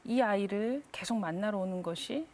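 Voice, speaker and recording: Woman, middle-aged, soft reflective testimony, mid-pitched voice, gentle affirming replies. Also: moderate pace. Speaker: guest. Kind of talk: faith testimony interview.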